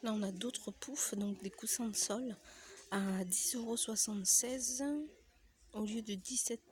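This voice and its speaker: A soft-spoken woman with a slight cold, walking through a store and listing decor items and prices for her vlog, often dropping almost to a whisper. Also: mid-range voice, fairly even intonation, measured pace, slight background noise. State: has a cold. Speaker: home decor vlogger. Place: inside a large home goods store.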